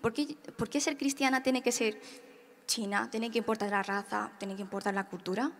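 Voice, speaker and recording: A woman's voice: fairly high pitch, steady tone, moderate pace. A young woman from Spain giving a hesitant, reflective personal testimony on a church panel. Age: young adult. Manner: hesitant, many fillers, reflective. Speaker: panel speaker. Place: large congress hall. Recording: hall reverb.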